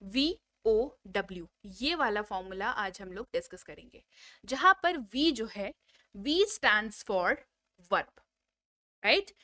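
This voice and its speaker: A woman's voice: mid-range voice, animated, slow, long pauses, sharp tone, no echo. A woman teaching a spoken English lesson, drilling word lists and prompting students to repeat after her.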